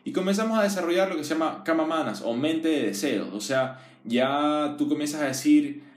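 A man explaining ideas one-on-one as a teacher, in a casual conversational way, often pausing to check that the listener follows. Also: on the high side, lively intonation. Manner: frequent fillers and restarts. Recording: roomy echo.

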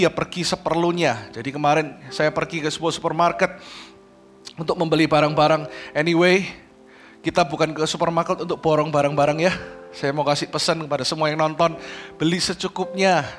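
A male pastor, preaching an online sermon in an animated way that grows emphatic, mixing in English phrases. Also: a little high, a little fast, faint music behind.

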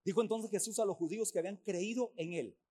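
High-voiced pastor preaching. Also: male voice, fast talker. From Costa Rica. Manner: emphatic, repeats lists, swings from loud to hushed. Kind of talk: sermon. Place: church service.

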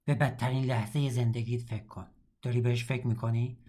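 A husky, grainy-voiced middle-aged prisoner, read by a man in an audiobook, talking in a blunt, mocking, matter-of-fact way. He sounds cynical and scarred, and lays out grim advice flatly, without softening it. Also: medium pitch, close to an everyday voice. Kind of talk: audiobook dialogue reading.

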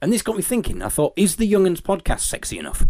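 A man hosting a podcast, chatting casually in a rambling, thinking-out-loud way. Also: high-pitched, wildly swooping pitch, quick pace. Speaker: podcast host and interviewer.

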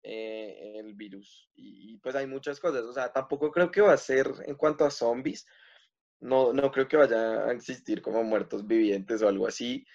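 Young man, casual question-and-answer chat, hesitant, lots of fillers, mid-pitched, slightly muffled recording. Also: gravelly, darkish tone. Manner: hesitant, many fillers and restarts. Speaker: video creator answering questions.

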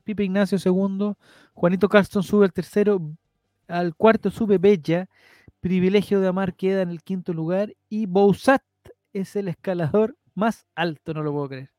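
A man's voice: sits high, steady tone, normal speed, darkish tone, no room sound. A Chilean man hosting a casual trivia game on a podcast, playful and theatrical. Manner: playful, theatrical quiz-master delivery. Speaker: trivia host.

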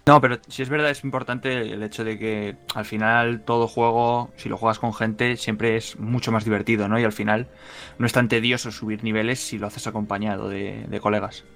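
A man's voice: on the low side, flat delivery, brisk, gravelly, fairly bright tone. A man co-hosting a podcast, chatting casually and often chiming in with short agreements. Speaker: podcast co-host.

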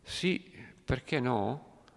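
A man's voice: mid-range voice, expressive, extremely slow, gravelly, heavily acted. A man reading the part of a doubtful Indian woman who argues a point of faith, in an echoey hall. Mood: questioning. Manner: questioning, insistent.

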